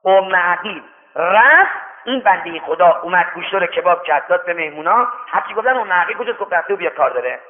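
A male preacher tells sermon stories with dramatic repetition. His voice sits high. The sound is thin and phone-like, carried by a long reverberant hall. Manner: dramatic retelling with repeated lines. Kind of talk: sermon storytelling. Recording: tinny echoey hall recording.

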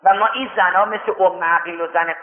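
A man's voice: sits high, fairly even intonation. A male preacher telling stories in a sermon, dramatic and repetitive in his retelling. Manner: dramatic retelling with repeated lines. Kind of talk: sermon storytelling. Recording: tinny echoey hall recording.

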